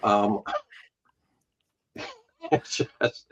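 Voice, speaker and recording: A man's voice: drawn-out words, slight background noise. A man with a Chicago accent telling, in casual livestream chat, how he started his vinyl channel, self-deprecating and laughing at himself. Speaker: YouTube vinyl channel host, guest. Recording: dull lo-fi stream audio.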